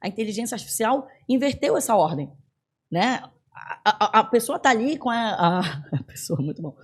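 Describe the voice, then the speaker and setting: Guest, woman, 40s, from northern Brazil; husky voice, lively and chatty. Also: medium pitch, normal speed. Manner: animated, laughs often, many fillers and restarts. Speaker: podcast guest. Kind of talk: casual interview chat.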